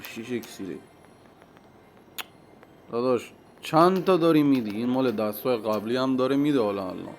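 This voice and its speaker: Excitable man narrating his mobile gameplay. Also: medium pitch, low-quality recording. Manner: excitable, talks to himself and the opponent, sudden shouts. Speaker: gaming streamer. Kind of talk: live gameplay commentary.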